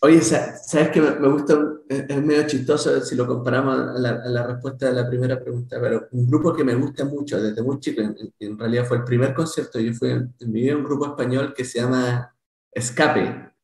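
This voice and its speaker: A man from Chile, a guest consultant talking in a casual interview, animated and talkative. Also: mid-range voice, fairly quick, echoey room. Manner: animated, talkative, many restarts. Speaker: guest, SAP SuccessFactors consultant.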